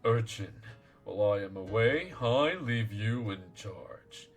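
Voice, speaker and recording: Ancient turtle guardian for a fantasy game, acted by a man: deep-set, grave, archaic and formal. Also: expressive, takes it slowly, faint music behind, heavily acted. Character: solemn old male turtle guardian, wise and courtly.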